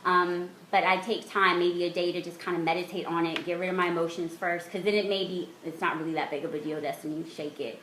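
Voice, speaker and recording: A woman hosting a casual chat, talking in a measured, reflective way. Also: lowish voice, fairly even intonation, fairly bright tone. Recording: echoey room with faint noise.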